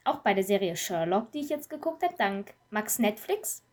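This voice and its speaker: A woman co-hosting a podcast in casual chat, talking in an animated, rambling way and laughing often. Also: mid-range voice, moderate pace, a little hiss or hum. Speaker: podcast co-host.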